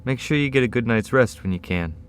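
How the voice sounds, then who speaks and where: A man's voice: mid-range voice, animated, brisk, a little hiss or hum, pitched above the performer's own voice, natural voice. A man voicing a stout, friendly male customer at a convenience store, folksy and concerned, calling people pal.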